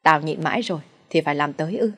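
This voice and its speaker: A woman voicing an older, hot-tempered husband who shouts threats at his wife. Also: deep voice, fast talker. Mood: angry.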